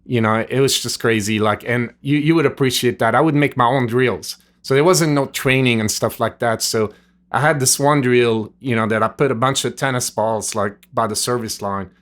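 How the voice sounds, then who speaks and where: A middle-aged Swiss man who owns a nutrition store appears as a podcast guest in a gym, speaking French-accented English natively shaped by Swiss French. His medium-pitched, fairly bright voice moves at a moderate pace as he earnestly recounts his life story, rambling with "like" and "you know."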